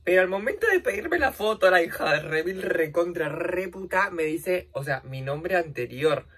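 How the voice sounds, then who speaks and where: Here a young Rioplatense woman vlogs while applying makeup, her story dramatic and full of slang, shifting from loud outbursts down to low asides. She sounds animated and slightly breathy, speaking at a normal speed.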